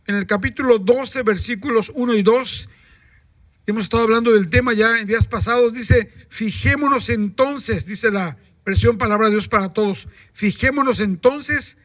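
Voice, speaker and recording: High-voiced pastor preaching. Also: male voice, a bit bright, dry recording. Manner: preaching with rhetorical questions to the congregation. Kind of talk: sermon.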